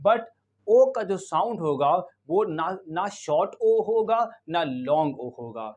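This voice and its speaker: A man's voice: on the high side, expressive, slow, darkish tone, lo-fi sound. A man with an Indian accent teaching English pronunciation, asking questions and repeating each word several times. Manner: asks rhetorical questions and repeats the answer; drills words by saying them again and again. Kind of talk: classroom-style pronunciation lesson.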